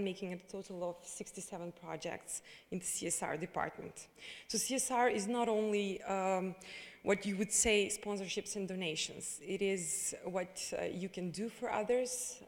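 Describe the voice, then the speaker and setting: A woman giving a hesitant speech at a live corporate event, with many fillers and restarts. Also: mid-range voice. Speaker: bank representative. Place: event hall. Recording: long hall reverb.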